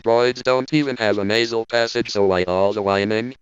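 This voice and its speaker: A man doing a deadpan, indignant robot spokesman. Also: lowish voice, normal speed, clear, resonant tone, highs cut off, close to an everyday voice. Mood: stern. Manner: stiff, deadpan lecture. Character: indignant male robot spokesman, cold and logical. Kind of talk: scripted parody monologue.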